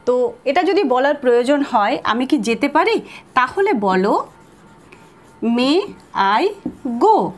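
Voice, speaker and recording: Teaching spoken English, a Bengali-accented woman spells words letter by letter and repeats example sentences slowly. Her voice is high and expressive.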